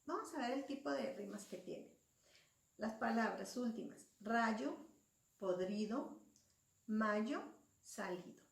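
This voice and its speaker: Slow patient woman teacher, echoey room. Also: on the high side, animated, creaky. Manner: patient, spells out syllables and letters. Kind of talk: slow classroom explanation. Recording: echoey room, voice far from mic.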